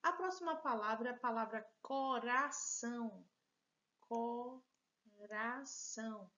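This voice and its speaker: A woman's voice: a little high, measured pace, a bit bright, dull audio. A woman teacher with a Brazilian Portuguese accent, giving a patient, encouraging lesson and joking about her own handwriting. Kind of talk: recorded remote class lesson.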